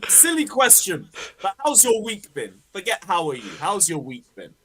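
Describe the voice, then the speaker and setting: British male football show host, very animated and forceful, slangy casual banter. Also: sits high, normal speed, breathy edge. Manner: sweary, slangy, emphatic.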